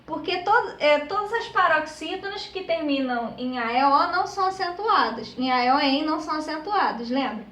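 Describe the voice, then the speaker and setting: A woman's voice: sits high, expressive, fairly quick, few pauses, fairly bright tone. A woman teacher from Brazil explaining a grammar lesson, checking in with her class through constant tag questions. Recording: echoey room, voice a bit far from mic.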